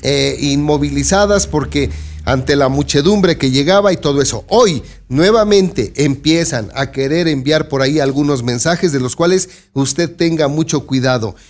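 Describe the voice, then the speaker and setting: A man hosting a local news commentary show, talking straight to his listeners and warning them to be careful. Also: a little high. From Mexico. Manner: conversational, addresses listeners directly with warnings. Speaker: news host.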